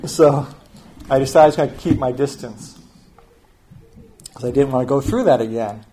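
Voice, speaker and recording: An older man with a mid-range voice gives a sermon as pastor. He talks in an easy, conversational way and often sinks to a soft, quiet tone to make a point. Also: medium pitch, normal speed, a little hiss or hum. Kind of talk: sermon with personal story.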